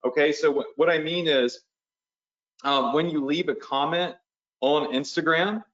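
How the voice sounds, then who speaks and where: A man with a fairly high, slightly bright voice leads a chatty live webinar at a measured pace, taking viewers through the steps and checking in frequently. He's got the hiccups, and the audio is roomy and lo-fi.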